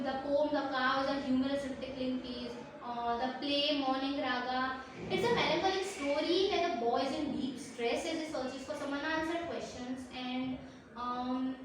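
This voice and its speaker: A woman giving an earnest spoken analysis and reflection as a speech and drama exam candidate, explaining her pieces with some hesitations. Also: high voice. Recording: very echoey room, distant mic, faint noise.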